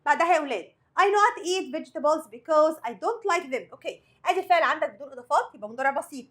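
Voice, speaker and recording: High-voiced Egyptian woman teaching English. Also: animated, fast talker, a bit bright. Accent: Egyptian Arabic. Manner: drills vocabulary and grammar, questions the students and answers herself. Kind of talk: exam review lesson.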